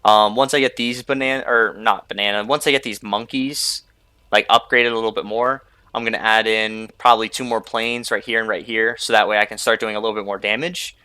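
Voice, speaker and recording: A man's voice: on the low side, steady tone, brisk, sharp tone, clear, resonant tone, no room sound. A young man hosting a gaming video, rambling casually over his gameplay and filling gaps with "like" and "you know". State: sleepy, yawning. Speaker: gaming channel host.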